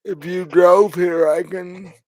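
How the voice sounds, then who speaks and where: A man's voice: high voice, little pitch movement, slow pace, darkish tone, no echo, pitched above the performer's own voice. A man voicing a friendly, chatty young woman who works as a store clerk in a tabletop role-play, talking eagerly with small hesitations.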